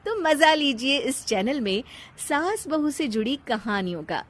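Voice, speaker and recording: A woman narrates a scripted story in a high voice, a little slowly, with an animated, expressive delivery. She teases the listener as she addresses them directly.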